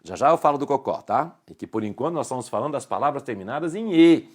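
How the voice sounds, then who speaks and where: A man's voice: medium pitch, very animated, quick pace, darkish tone. A middle-aged man with a Brazilian Portuguese accent teaching an online grammar lesson, explaining rules and asking the viewer short checking questions.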